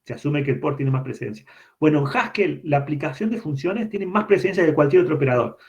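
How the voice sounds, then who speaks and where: During an online university programming lecture, a man speaks quickly with lively intonation, his voice fairly high and darkish in tone. He goes through the material step by step, often checking in with students. The video-call audio from his computer mic is dull and lo-fi.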